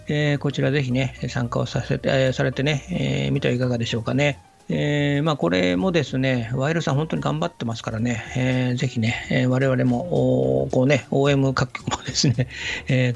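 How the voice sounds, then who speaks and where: A man hosting a radio program in a casual, polite, unhurried manner, with many fillers. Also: mid-range voice, creaky. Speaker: radio host. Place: radio studio. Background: faint music.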